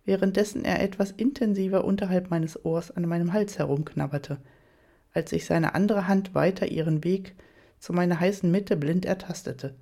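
A woman narrating a first-person erotic story in a measured, breathy reading. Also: lowish voice, warm tone. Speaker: audiobook narrator.

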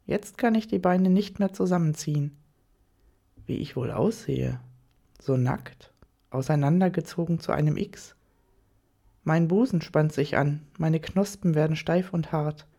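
A woman narrates an erotic audio story in the first person. Her delivery is very slow and soft, and her tone is mellow and dark. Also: low-pitched, creaky.

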